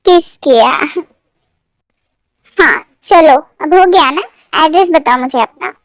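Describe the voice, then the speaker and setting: A woman's voice: high voice, expressive, takes it slowly, no echo, studio quality. A woman doing a curt, proud young man. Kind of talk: fan fiction story read aloud.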